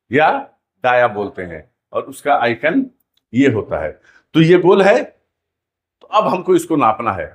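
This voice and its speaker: Male rigging instructor, lively and a bit high-pitched, classroom teaching style, quizzes students on key terms. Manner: explanatory, repeats key terms as questions to the class.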